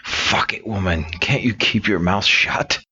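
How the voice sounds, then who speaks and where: A man's voice: sits low, animated, normal speed, fairly bright tone, highs cut off. A man voicing an irritable middle-aged driver who growls at his wife.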